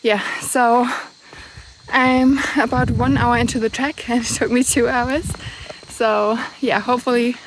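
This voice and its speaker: A young woman talking casually to her camera while hiking a mountain trail outdoors, chatty and quick to laugh. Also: on the high side, fairly even intonation. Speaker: travel vlogger. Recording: outdoor noise behind voice.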